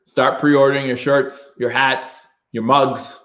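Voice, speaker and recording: A young livestream host delivers emotional play-by-play on a fan stream, swinging from choked-up talk to excited calls and reading out viewer chat comments. His medium-pitched voice takes things slowly. The sound is roomy, with the highs cut off.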